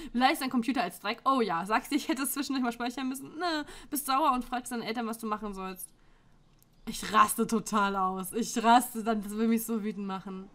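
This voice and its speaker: A woman's voice: a little high, sharp tone. A young woman in casual chat at home, reading out an online quiz and answering bluntly with slang and frequent laughs. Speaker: YouTuber. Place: home room with window open. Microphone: desk microphone.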